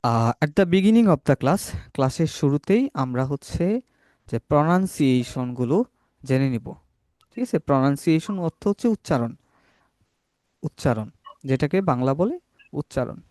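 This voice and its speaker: A Bangladeshi man teaching English pronunciation in an online class, slowly modelling sounds and often checking that the class is following. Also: on the high side, expressive, darkish tone, no echo, studio quality. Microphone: laptop or video call mic.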